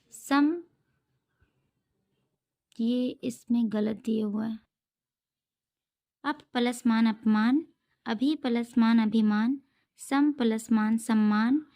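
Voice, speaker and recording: A woman's voice: a little high, a little mellow. A woman tutor reading out textbook questions and explaining each answer step by step. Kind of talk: homework answer walkthrough.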